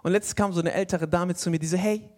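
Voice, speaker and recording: A man's voice: high voice, fairly even intonation, very fast, darkish tone. A young man of Palestinian origin doing a stand-up comedy set on stage, telling casual, slangy stories and acting out other people's voices. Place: stage before a live audience. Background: audience laughter.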